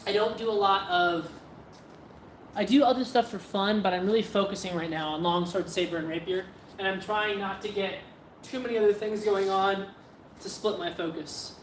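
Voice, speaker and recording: A woman's voice: mid-range voice, normal speed. Chatty woman streamer with faint noise. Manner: chatty, scattered, self-interrupting. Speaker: livestream host and sword practitioner. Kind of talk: casual livestream chat with viewers.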